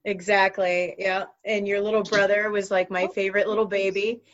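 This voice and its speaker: A woman's voice: mid-range voice, flat delivery, normal speed, muffled recording. A woman interviewing teenagers in a chatty, rambling way with lots of fillers. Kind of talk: casual interview.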